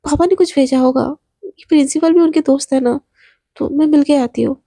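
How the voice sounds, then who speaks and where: Brief: a woman playing a tough, protective college girl, high voice, warm and close. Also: a little fast, no room sound. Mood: defiant. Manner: threatening, blunt, protective. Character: fierce, defiant young woman college student.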